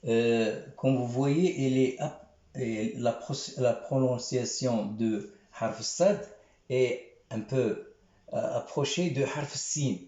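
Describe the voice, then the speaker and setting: A man teaching the Arabic alphabet in a slow, patient lesson, repeating syllables and checking that his students follow. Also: medium pitch, warm tone, reverberant, highs cut off.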